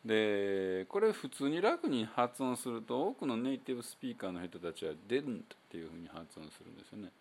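A man with a Kansai accent giving a casual spoken English pronunciation lesson as the show's host, chatty and loose with many fillers, slowing down to demonstrate sounds. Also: lowish voice, big pitch swings, darkish tone. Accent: Kansai Japanese.

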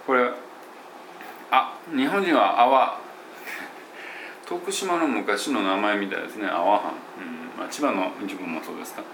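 A man who teaches English pronunciation, chatting loosely in an audio diary with many fillers and self-corrections, and slowing down to demonstrate English phrases. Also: on the low side, creaky, fairly bright tone, slight background noise. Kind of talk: casual spoken audio diary.

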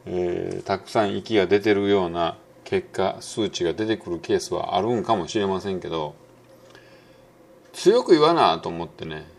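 A middle-aged man with a Kansai Japanese accent talks through a pronunciation lesson in a relaxed, musing way. His voice sits low, but his intonation jumps up and down a lot. He fills gaps with plenty of hesitations and stretches words out slowly when he demonstrates them. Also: vocal fry. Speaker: English pronunciation teacher. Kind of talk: casual spoken lesson, audio post.

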